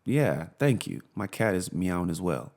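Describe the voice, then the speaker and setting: A man with a fairly low voice hosts his own casual talk show alone at home. He rambles, circles back to the same phrases and swears freely. A lingering cough leaves him a little hoarse. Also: moderate pace. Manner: rambling and animated, repeats himself, swears. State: has a cough. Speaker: radio show host. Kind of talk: casual solo commentary.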